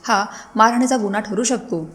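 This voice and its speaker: A level-headed woman lawyer, earnest and advising, as the narrator voices her. She speaks in a middle pitch. Her words ring on in a long hall reverb. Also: a little fast, lightly acted. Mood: urgent.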